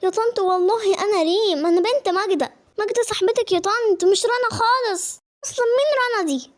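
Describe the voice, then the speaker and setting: A woman playing a terrified little girl. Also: fast. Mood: scared. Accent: Egyptian Arabic. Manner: high, crying pleas. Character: frightened little girl, pleading and tearful.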